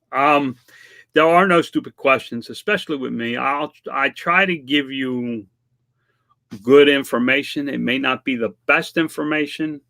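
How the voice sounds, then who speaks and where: Bright-voiced man in his fifties. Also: medium pitch. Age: 50s. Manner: plainspoken, conversational and self-deprecating. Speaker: vlog host answering viewer questions. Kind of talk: casual chat.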